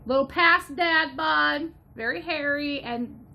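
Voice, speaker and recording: A woman's voice: high voice, takes it slowly, vocal fry, pushed and bright. A woman from Ohio giving a chatty, gushing movie review, slipping now and then into a playful mock Southern drawl. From Northwest Ohio, USA.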